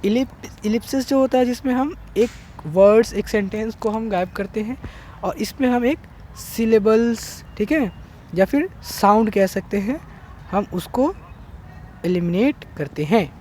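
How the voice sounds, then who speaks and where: A man with a high, mellow voice teaches an English grammar lesson online, with a little hiss or hum in the recording. He explains slowly and repetitively, step by step, frequently checking in with "theek hai."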